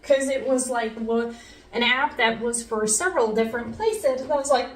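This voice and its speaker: A woman's voice: on the high side, moderate pace, slight background noise. A woman from Norway chatting casually as a vlogger, telling a story and laughing often between phrases. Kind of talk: casual story time chat. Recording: roomy echo, mic at a distance.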